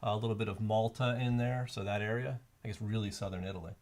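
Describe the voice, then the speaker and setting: A man's voice: fairly low pitch, steady tone, fast, darkish tone, a little hiss or hum. A middle-aged man chatting casually as co-host of a live board game stream, thinking aloud and rambling with fillers. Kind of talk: casual chat while playing a board game. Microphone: streaming mic.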